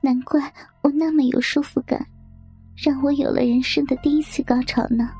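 Woman, whispered story narration, intimate, high pitch, faint music behind. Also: steady tone, moderate pace. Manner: hushed, intimate, breathy delivery.

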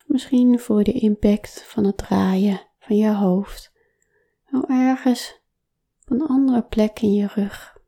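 A woman talks softly and calmly, slipping into a whisper for much of the exercise. Her tone is very dark and mellow, and she unhurriedly leads listeners through gentle body-awareness instructions. Her words come at a very slow, measured pace. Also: medium pitch, vocal fry, slightly rough. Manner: soft, calm, often whispering. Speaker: relaxation guide.

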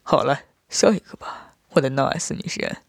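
A man playing a smug, scheming young husband in an audio story, speaking in a low, teasing, self-satisfied way. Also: normal speed, gravelly, no room sound, clean studio sound. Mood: soothing.

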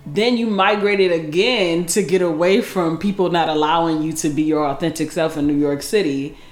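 A podcast host with a mid-range voice speaks at normal speed in a reverberant recording, chatting casually with a male guest. The host affirms and cheers him on, laughing and occasionally swearing.

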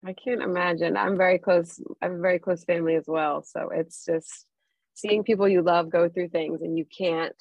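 A woman hosting a podcast interview, answering with sympathetic quick affirmations. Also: lowish voice, fairly even intonation, gravelly, a little mellow, dry recording. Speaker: podcast host. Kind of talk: conversational interview.

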